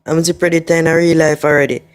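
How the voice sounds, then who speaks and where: A man's voice: a little high, flat delivery, fast, smooth, lightly acted. A man voicing a brash Jamaican Patois bad man. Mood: menacing. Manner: confrontational, slangy. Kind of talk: comedic cartoon voice-over dub.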